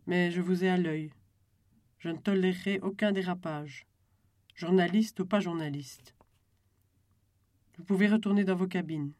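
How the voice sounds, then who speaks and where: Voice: mid-range voice, a little mellow, no room sound, close to an everyday voice. An audiobook reader voicing a strict male cruise director who speaks formally and firmly, in a dry recording. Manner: formal, measured and firm.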